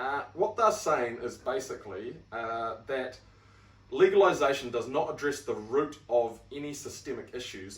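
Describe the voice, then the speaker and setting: A man's voice: mid-range voice, slight background noise. A young man with a New Zealand accent co-hosting a podcast, reading out points and picking them apart in a chatty, wry way. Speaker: podcast co-host. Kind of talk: casual chat. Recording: roomy room, mic at a distance.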